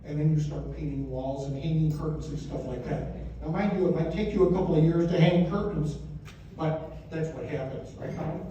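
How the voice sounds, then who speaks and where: Distant echoey noisy recording, middle-aged-to-older American man, slightly high voice, father of the bride speech, joking storyteller. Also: fairly even intonation, fairly quick, warm tone, highs cut off. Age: 50s or 60s. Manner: joking, conversational storytelling with emphatic punchlines. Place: wedding reception room. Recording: echoey room from far off, noisy.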